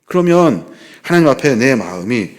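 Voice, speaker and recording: A man's voice: mid-range voice, big pitch swings, normal speed. A man in his forties, a pastor, giving an earnest sermon that rises to fervent pleading. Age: 40s. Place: church hall.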